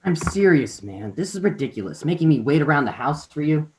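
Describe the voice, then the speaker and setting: Cocky teenage schemer read by a man in a table read; pushy, animated intonation. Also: a little high, fairly quick, low-quality recording. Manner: pushy, persuasive. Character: cocky, persuasive teenage boy. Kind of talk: unrehearsed script read-through.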